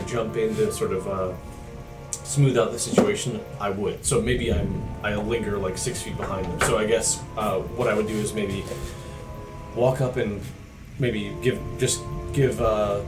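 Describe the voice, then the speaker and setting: Tentative man playing tabletop, echoey room. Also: fairly low pitch. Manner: tentative, halting. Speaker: tabletop game player. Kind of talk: casual improvised description of his character's actions.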